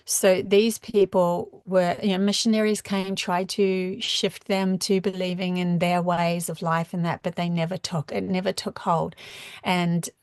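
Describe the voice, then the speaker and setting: Woman, New Zealand accent, live-stream spiritual talk, halting restarts, dry close sound. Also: fairly low pitch, level tone, darkish tone, smooth, no echo. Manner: rambling, halting, with frequent restarts. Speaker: spiritual channeler.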